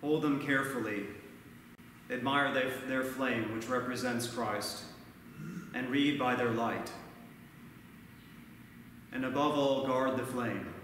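A man in his thirties, a priest giving a measured, earnest sermon at a lectern, recorded from far off in a large church. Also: mid-range voice, a bit bright, very echoey, in a large hall, slight background noise. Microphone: far camera, no mic seen.

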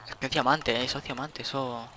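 A man's voice: medium pitch, fairly even intonation, fast talker, bright, forceful tone, a little hiss or hum. A young man, rambling casually to himself while commenting on his gameplay and swearing at the game now and then. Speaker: gaming channel host.

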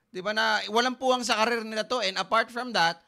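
A man's voice: high-pitched, brisk, creaky, pushed and bright. A man hosting a sports talk show, chatting casually and peppering his talk with tag questions. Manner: repeats "correct", "tama", "di ba". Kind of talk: casual chat.

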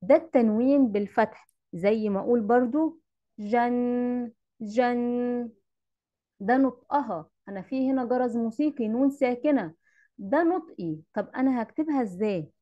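This Egyptian-accented Arabic teacher talks on the high side, expressively and briskly, during an online lesson. Her computer mic gives dull audio. She patiently restates rules and keeps quizzing the pupils.

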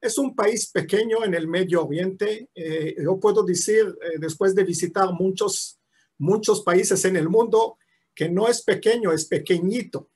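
A slow-paced man in his seventies from Israel lectures over a video call with slides, his pitch sitting a little high for a man. He speaks unhurriedly and often stalls on long "eh" fillers, restarting his phrases as he goes. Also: darkish tone, husky. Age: 70s. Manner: halting, many drawn-out "eh" fillers and restarts. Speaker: guest lecturer. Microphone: video call mic.

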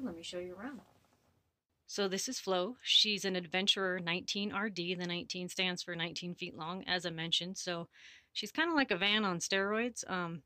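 Bright-voiced woman, casual tour. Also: on the low side, no echo. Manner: informal, explanatory. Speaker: RV vlogger giving a tour. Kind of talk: casual video tour narration. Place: inside a small RV trailer, dry small room.

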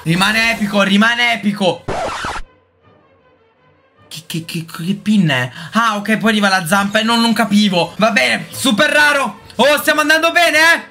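A man giving excited gameplay commentary as a gaming youtuber, swinging between low mutters and sudden shouts. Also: unhurried, gravelly, faint music behind.

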